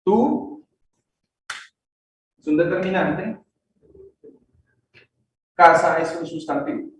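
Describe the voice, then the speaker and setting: A man teaches grammar in a high, unhurried voice. He keeps checking in with short questions and repeats key words. He is recorded from a distance in an echoey room with faint background noise. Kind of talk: classroom grammar lesson. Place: church classroom.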